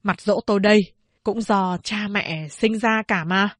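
A woman voicing a blunt male official who gives loud, commanding orders. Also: medium pitch, steady tone, measured pace, no room sound, studio quality. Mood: gruff insistence.

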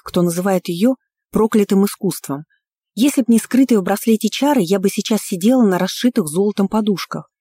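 A woman reading a first-person fantasy audiobook with ironic, lively storytelling. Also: mid-range voice, breathy edge, no echo. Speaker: audiobook reader.

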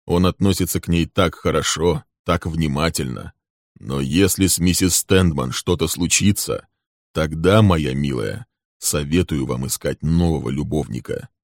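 A man doing a calm, coolly threatening man. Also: a bass voice, gravelly, no echo, clean studio sound, heavily acted. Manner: slow, level, measured.

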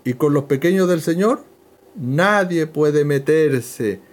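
A man teaching a verse-by-verse Bible lesson, slow and emphatic, repeating key phrases. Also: on the high side, expressive.

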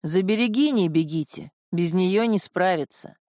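A woman voicing a curt middle-aged father who can become a bear, speaking briskly in an audiobook. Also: fairly low pitch, darkish tone, no echo, studio quality, close to an everyday voice.

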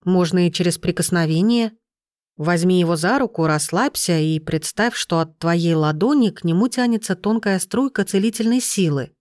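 An audiobook reader voicing an earnest young male healer who instructs calmly and firmly, a little lower than the narration. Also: moderate pace, dry recording, studio quality, lightly acted. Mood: instructive. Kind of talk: audiobook character voice.

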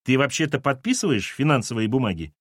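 A man voicing a calm, methodical man who questions everyone, in an audiobook. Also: medium pitch, husky, no room sound, studio quality. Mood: questioning. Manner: measured, dryly questioning.

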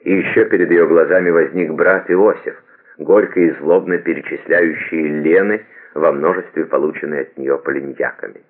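A man narrating a novel as an audiobook, reading in a steady, even way. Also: extremely low pitch, normal speed. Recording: tinny phone-like lo-fi audio.

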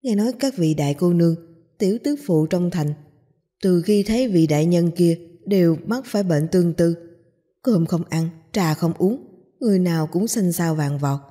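A woman voicing a burly, bald, middle-aged man who gossips loudly in a storybook tale. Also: lowish voice, animated, moderate pace. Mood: gossiping. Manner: loud, gossipy, raises his voice.

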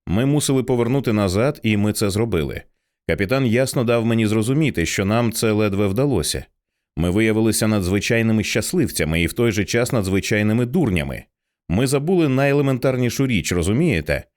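A man's voice: on the low side, animated, fairly quick, darkish tone, lightly acted. A man voicing an earnest, shaken writer. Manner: earnest, explanatory. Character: shaken male writer explaining.

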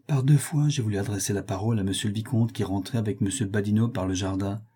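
A man voicing a deferential valet, formal, apologetic, husky low voice. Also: quick pace, dark tone. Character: fussy, deferential male valet.

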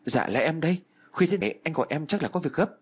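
A man's voice: a little high, animated, fast, slightly rough, pitched above the performer's own voice. A man voicing a young gang underling who answers his boss eagerly and respectfully.

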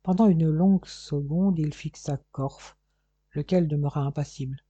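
A man reading an audiobook in a measured, steady way, with scripted narration, on a dull, lo-fi, dry recording. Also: a little high, slightly rough, no room sound. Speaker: audiobook reader. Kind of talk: scripted narration of a crime novel.

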